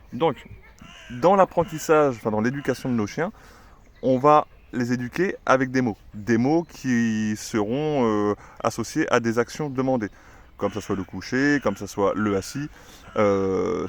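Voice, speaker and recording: Guy chatting about training his dog, casual vlog, lots of ums, average voice. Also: mid-range voice. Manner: chatty, many "euh" fillers, gives commands to the dog. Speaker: dog trainer and channel owner.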